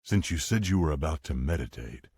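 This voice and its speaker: A male narrator voicing a man with a deep, rumbling morning voice in a storybook reading. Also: lively intonation, fairly quick, a little mellow, breathy edge, dry recording, studio quality, heavily acted. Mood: drowsy teasing.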